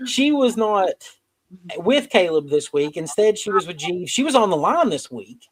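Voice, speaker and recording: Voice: mid-range voice, very animated, slow, low-quality recording. A podcast host recapping wrestling shows in casual, rambling talk full of fillers.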